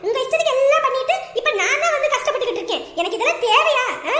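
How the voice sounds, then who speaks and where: A woman's voice: very high voice, expressive, very fast, fairly bright tone. A woman playing a bitter married daughter who sarcastically blames her family for her ruined life, in a comedy skit. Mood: accusing. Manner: scolding, accusing, sarcastic. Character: bitter wronged married daughter, sent away by her husband. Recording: echoey room with long reverb.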